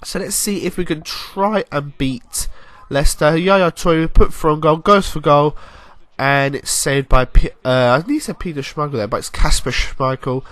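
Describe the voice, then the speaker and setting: Chatty young gaming commentator. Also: male voice, on the high side, moderate pace, no echo. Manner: chatty, rambling, excitable bursts, mild swearing. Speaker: gaming YouTuber. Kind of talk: casual game commentary.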